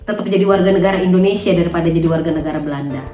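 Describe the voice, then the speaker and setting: A woman's voice: on the low side, racing, mellow, distant mic, faint music behind. A married woman guest in casual chat, speaking candidly and laughing easily. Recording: echoey room, away from the mic.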